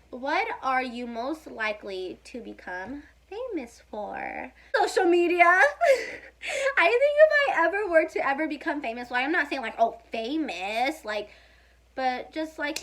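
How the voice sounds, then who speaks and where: A young woman talks casually to her viewers from home, answering questions between bites. Her voice sits a little high, and she fills her sentences with "like" and "you guys." She comes across as open and quick to get emotional. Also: fairly bright tone, rough recording. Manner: chatty, emotional, says "like" a lot. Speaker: YouTuber. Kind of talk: casual mukbang Q&A chat. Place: home, indoors.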